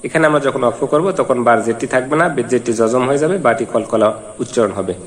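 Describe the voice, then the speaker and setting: A man teaching Quran reading, spelling out syllables one by one and then chanting the verses in a drawn-out melody. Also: mid-range voice. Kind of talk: slow step-by-step recitation lesson. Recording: long hall reverb.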